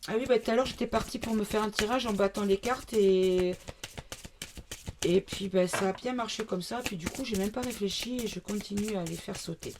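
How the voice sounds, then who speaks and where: A woman's voice: mid-range voice, moderate pace, background noise. A woman from the south of France doing a casual card reading to camera, thinking aloud with many fillers and asides. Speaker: card reader.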